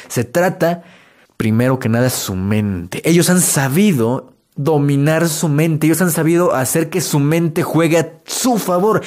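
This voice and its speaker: A man's voice: on the high side, darkish tone. A man giving a motivational talk, repeating phrases and asking the listener rhetorical questions. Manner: repetitive, rhetorical questions, addresses the listener directly. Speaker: motivational speaker.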